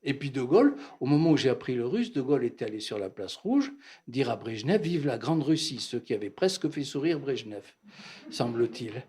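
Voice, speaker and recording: An older man from Algeria, a psychoanalyst, telling his memories at a bookshop talk in a halting, reflective way, often repeating words. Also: mid-range voice, big pitch swings, warm tone. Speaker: psychoanalyst, guest speaker. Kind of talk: reminiscing talk at a bookshop event.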